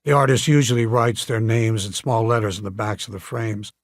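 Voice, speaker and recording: A man's voice: lowish voice, fairly even intonation, a little fast, no room sound, close to an everyday voice. A man reading a chatty coffee shop owner. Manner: warm, chatty and plainspoken. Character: friendly talkative male coffee shop owner. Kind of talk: audiobook dialogue reading.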